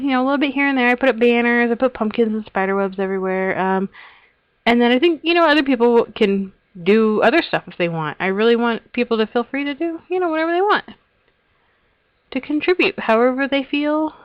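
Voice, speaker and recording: A woman's voice: a little high, no echo, poor audio. Chatty woman giving a game tour. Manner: chatty, giggly, self-interrupting. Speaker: Minecraft server host giving a tour. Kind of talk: casual rambling vlog narration.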